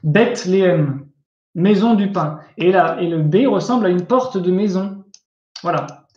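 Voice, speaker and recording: A man's voice: high voice, normal speed, darkish tone. A man teaching a language class online over a video call, explaining patiently, repeating himself and often checking that students follow. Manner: patient, repetitive, often checks understanding with asides. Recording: echoey room, dull lo-fi sound.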